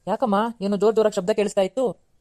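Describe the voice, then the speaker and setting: A young husband from a cartoon serial, played by a woman, speaking at a mid pitch and a brisk pace. He reasons gently and pleads to keep the peace at home. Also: fairly even intonation, close to an everyday voice. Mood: pleading. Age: young adult. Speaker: cartoon voice actor.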